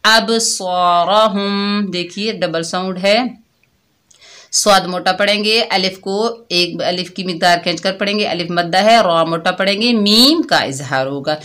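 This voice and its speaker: A woman teaching an online tajweed lesson, patiently explaining recitation rules step by step and reciting example words slowly. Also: on the low side, a bit bright.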